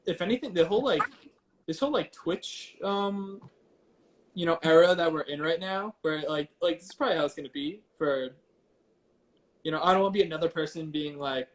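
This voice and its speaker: A man's voice: on the high side, fairly quick. A man chatting casually as a DJ guest, informal and hesitant, repeating himself, speaking into headphones used as a mic. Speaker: DJ and livestreamer, interview guest. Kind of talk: casual chat. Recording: noisy headphone mic on online call.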